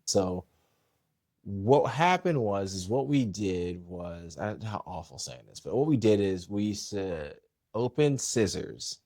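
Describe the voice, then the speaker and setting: A man with a lowish voice tells a story in casual chat, rambling and restarting as he goes. He turns animated when he slips into other voices. The sound is dry and close. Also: slow, dry recording. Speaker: podcast co-host.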